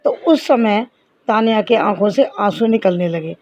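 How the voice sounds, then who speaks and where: A woman's voice: mid-range voice, moderate pace, dark tone, dull audio. A middle-aged woman earnestly telling a personal devotional testimony. She speaks straight to her listeners and acts out the conversations in her story. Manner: earnest, addresses listeners as companions, reenacts dialogue.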